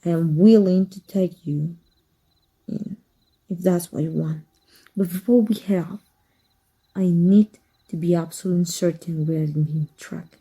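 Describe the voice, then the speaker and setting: The recording is rough, but the Mexican voice actor's dark, husky voice comes through, fairly low and fairly even with a gravelly fry closing each phrase. She plays a secretive, cunning teacher of dark magic in ASMR roleplay, soft, measured, and sliding into whispers.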